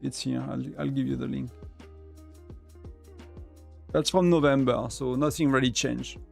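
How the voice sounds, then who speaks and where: A man's voice: mid-range voice, steady tone, unhurried, gravelly, faint music behind. A man with a French accent, whose first language is French, chatting casually on a live game stream, rambling with many fillers and restarts. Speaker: gaming streamer.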